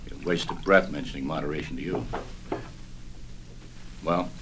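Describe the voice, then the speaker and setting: A gruff, deep-voiced old father. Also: moderate pace, noisy background. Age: older. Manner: blustering, scolding. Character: gruff, stingy old Irish-American father. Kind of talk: 1960s film acting.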